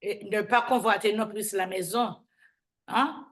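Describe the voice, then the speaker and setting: A woman evangelist giving informal bible teaching, halting and repeating words, often checking in with "d'accord?". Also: medium pitch, steady tone. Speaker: evangelist and host.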